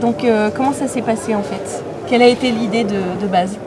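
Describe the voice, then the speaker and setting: A woman's voice: on the high side, fairly even intonation, brisk. A young woman interviewing guests, asking hesitant, filler-heavy questions into a handheld mic. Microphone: handheld microphone. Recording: heavy crowd chatter.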